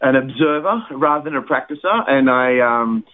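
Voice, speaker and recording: A man's voice: medium pitch, animated, normal speed. A man from Australia, a singer and songwriter, telling his story in a hesitant, reflective way as an interview guest. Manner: hesitant, many fillers and restarts, reflective. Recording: phone-line sound.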